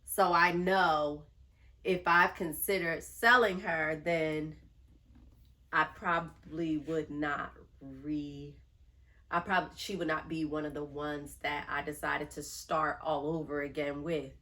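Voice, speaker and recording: A woman's voice: deep voice, steady tone, bright, forceful tone. A woman vlogger with a nasal voice chatting casually to camera, drawing out words for emphasis. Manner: chatty, drawn-out emphasis, affectionate. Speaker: handbag collection vlogger.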